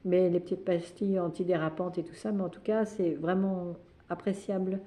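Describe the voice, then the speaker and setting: A woman's voice: on the low side, fairly even intonation, normal speed, mellow. A woman hosting a knitting podcast, chatting casually and hesitantly, with frequent fillers and restarts. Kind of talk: casual chat.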